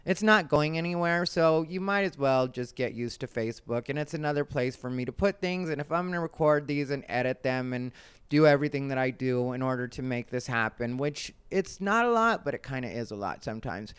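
Talking solo in a casual vlog, a comedian and show host from Arizona, United States, rambles conversationally with bursts of emphasis. His medium-pitched voice is expressive, brisk and a bit bright, with a clean tone and no echo.

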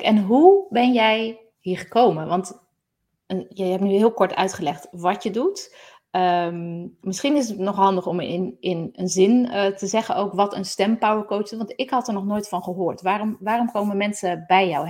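A woman's voice: medium pitch, normal speed, darkish tone. A woman from Groningen hosting a casual interview, friendly and thoughtful, often agreeing.

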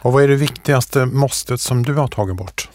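A man's voice: mid-range voice, a little mellow. A man interviewing an author, asking short questions and murmuring along as he listens.

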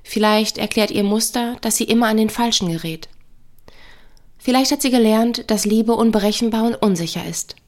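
A woman who works as a counselor and couple therapist, talking calmly and reflectively in a podcast monologue. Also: a little high. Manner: calm, measured, reflective.

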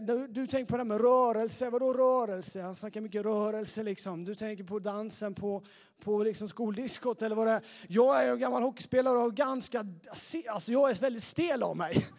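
High-voiced man preaching casually. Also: a little mellow. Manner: casual, chatty, peppered with fillers. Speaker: youth pastor. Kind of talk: lively preaching to a young congregation.

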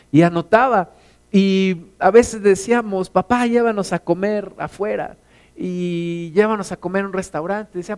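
A man with a Mexican accent preaching a sermon, telling stories with lively acted quotes. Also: high voice, clear, resonant tone. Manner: animated storytelling with acted quotes.

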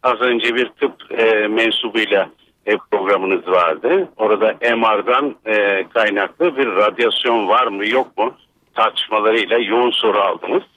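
A man from Bursa, an electrical engineer, calling a radio show over a landline phone and explaining in a measured, lecturing way with many hesitant fillers. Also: fairly low pitch, pushed and bright, dry recording. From Bursa, Turkey. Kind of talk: explanatory call-in commentary. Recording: dull lo-fi phone line.

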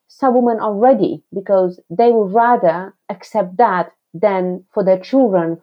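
A woman from Afghanistan speaking earnestly as a guest in a recorded conversation, often repeating words for emphasis. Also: mid-range voice. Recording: dull lo-fi recording.

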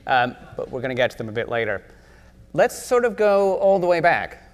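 A man's voice: a little high, big pitch swings, fairly quick. A man moderating a casual live interview on stage, asking questions conversationally. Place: stage before live audience. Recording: echoey hall, live event.

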